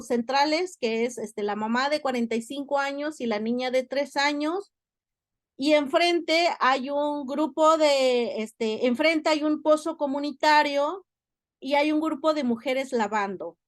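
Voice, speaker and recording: Brief: woman academic, high voice, dry close sound, careful explaining with filler pauses. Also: dry recording. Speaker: university lecturer. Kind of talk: academic lecture.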